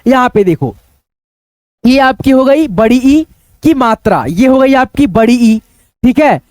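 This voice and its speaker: A young man teaching Hindi reading in a casual spoken lesson, repeating sounds and words slowly and calling to his viewers as friends. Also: very high voice, lively intonation, a little mellow, no echo. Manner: repetitive, drills words slowly, coaxing "dosto".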